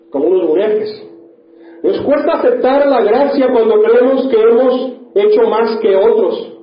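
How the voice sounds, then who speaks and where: A man preaching a sermon in a church hall, firing off rhetorical questions and working up to mock indignation. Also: high voice. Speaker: pastor. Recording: echoey room, dull lo-fi sound.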